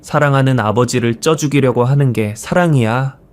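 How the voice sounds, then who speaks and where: A man's voice: medium pitch, moderate pace, no echo, natural voice. An outraged old grandfather, as a male narrator puts him on, scolding in a raised voice. His tone stays dry and close, with nothing around it. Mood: enraged. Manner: shouting, scolding. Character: furious elderly retired teacher grandfather.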